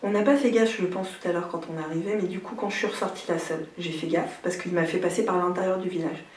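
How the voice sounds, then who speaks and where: Fast-talking woman, distant and echoey. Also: on the low side, fairly even intonation, darkish tone, slight background noise. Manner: colloquial, eager to explain. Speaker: participant in the investigation. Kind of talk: casual chat.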